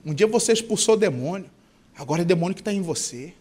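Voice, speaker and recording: A young man preaching as a pastor, telling a personal story and leading a prayer, with passion that swings between loud and hushed. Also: high voice, lively intonation, fast, breathy edge. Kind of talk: sermon with testimony and prayer.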